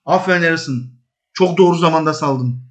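A man commentates his own football management game as if he stands on the touchline. His voice is bright and slightly high. He coaxes, scolds and cheers his players in quick bursts. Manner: coaching players aloud, urging and scolding; bursts into high shouts at attacks. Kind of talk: live commentary while gaming.

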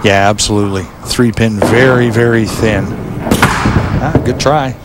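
A man giving color commentary on televised bowling, with brisk technical calls on each shot. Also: on the low side, steady tone. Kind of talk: sports commentary. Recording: TV broadcast with background noise.

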